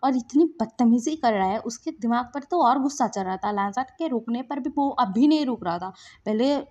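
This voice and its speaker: A woman's voice: on the high side, lively intonation, moderate pace, mellow. A woman narrating a fan story in a casual, chatty way with many fillers. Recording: dull lo-fi sound.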